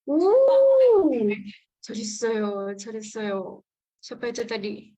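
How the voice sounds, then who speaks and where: A woman's voice: on the high side, huge pitch swings, fairly quick, dark tone, muffled recording. A young woman teaching a beginner Korean class, patiently repeating each sound several times for her students. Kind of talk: online language class.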